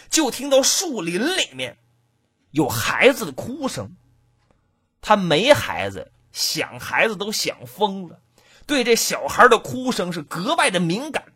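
A man telling a folk tale in an animated, rhythmic oral storytelling style. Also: high-pitched, slightly rough.

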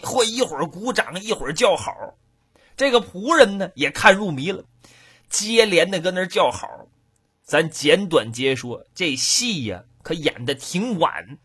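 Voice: mid-range voice, pushed and bright, breathy edge. A performer telling a traditional comic folk tale, switching between narration and character voices.

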